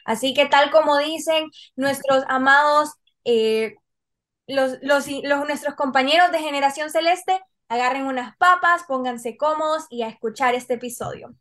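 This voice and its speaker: A woman's voice: high-pitched, moderate pace, fairly bright tone. A woman introducing a talk show episode in a friendly way, stumbling over a few words. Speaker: podcast host.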